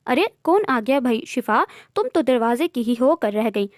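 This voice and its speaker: A woman's voice: on the high side, lively intonation, normal speed, dry recording, clean studio sound, lightly acted. A woman narrator voicing Saira, a cheerful, teasing young woman.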